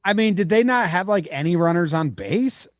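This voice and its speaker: On a podcast, a man with a high voice co-hosts a playful, casual conversation about baseball. He is animated and moderately paced, and the audio carries no echo.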